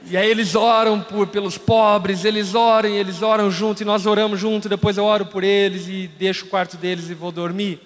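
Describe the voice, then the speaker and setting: A Brazilian man, around his thirties, preaches from the pulpit in a fairly high voice. He tells stories and acts out each speaker's lines as he goes. The sound carries a long reverb from a large church hall. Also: level tone, brisk, hardly any pauses. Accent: Brazilian Portuguese. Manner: storytelling preacher, acts out dialogue. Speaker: pastor. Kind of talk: sermon.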